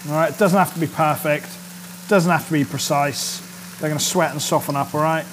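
This man in his thirties hosts an easygoing cooking demonstration in a studio kitchen, chatty and upbeat and frequently asking "all right?" as food sizzles in the pan. His voice is a little high and a little fast, with fairly even intonation. The recording is low quality, with slight background noise.

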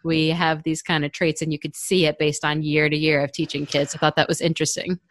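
A woman's voice: deep voice, flat delivery, brisk, dry recording, clean studio sound. A young woman co-hosting a podcast, chatting casually with many fillers and laughs. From United States. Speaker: podcast co-host. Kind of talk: casual chat.

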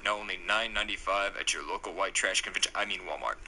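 A young man voicing a slick commercial announcer in a comedic mock advert, with a hard-sell pitch. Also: quick pace, sharp tone, a little hiss or hum, exaggerated voice, rough recording. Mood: hyped.

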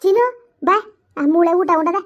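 Woman doing a worried teary mom, soothing, high voice, muffled lo-fi. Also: normal speed. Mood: tearful. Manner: tearful, soothing. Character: anxious mother consoling her daughter. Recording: dull lo-fi recording.

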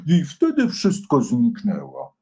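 A man voicing a calm, sensible male dragon in a children's storybook, talking in a slow, low and deliberate way. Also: vocal fry, exaggerated voice. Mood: grumbling. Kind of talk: storybook character voice.

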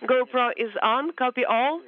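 A man on a space-to-ground radio link, giving brisk, terse call-and-response procedure talk. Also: very high-pitched. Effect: crackly space-to-ground radio link. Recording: muffled noisy radio feed.

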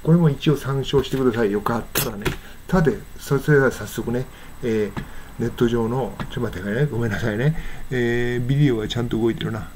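An older man from Japan, teaching English pronunciation in a casual lesson, patiently repeating words slowly to show how they sound. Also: mid-range voice, a little mellow, slight background noise.

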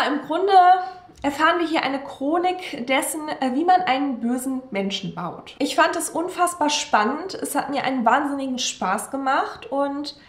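A young adult book vlogger whose first language is German talks enthusiastically to camera about her favourite classics, with frequent fillers. Her high voice sounds reverberant, recorded at desk distance with bookshelves behind her.

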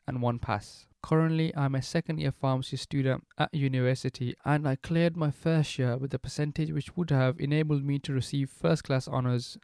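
A young man from Pakistan reads a formal, scripted promotional voice-over for the school he founded, measured and courteous throughout. His voice has a gravelly edge at a middle pitch. The recording is dry and close, with no room sound. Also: a little mellow, dry recording. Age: 20s.

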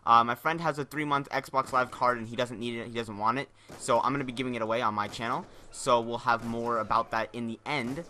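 Bright-voiced young man telling a rambling story. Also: mid-range voice, fairly even intonation, fairly quick, hardly any pauses, a little hiss or hum. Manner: rambling, profane, repeats and restarts words. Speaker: gaming channel host. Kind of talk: casual storytelling commentary.

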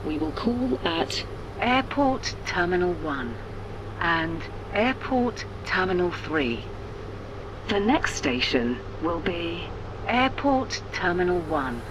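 A woman's voice: on the low side, lo-fi sound, noisy background. A woman voicing an onboard train announcer. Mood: announcing. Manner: calm, measured, formal.

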